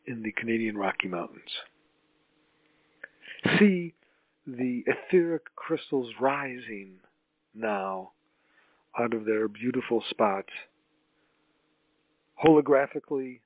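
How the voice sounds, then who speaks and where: A man acting as a spiritual channel leads a guided healing meditation, solemn and mystical, with drawn-out, halting phrases. His voice is medium-pitched, and the recording sounds roomy and tinny, like a phone line.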